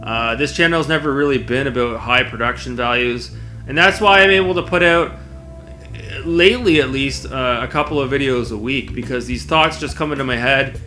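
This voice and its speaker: A man with a bright, forward voice talks casually as a video blogger. He rambles conversationally at an average pitch, with faint music around him. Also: brisk. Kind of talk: casual spoken vlog to camera.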